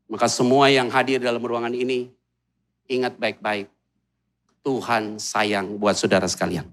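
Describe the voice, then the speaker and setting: Joking pastor with a lilt. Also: male voice, medium pitch, flat delivery, unhurried. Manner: playful, swings between quiet and loud outbursts. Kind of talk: humorous sermon. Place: large church hall in a mall.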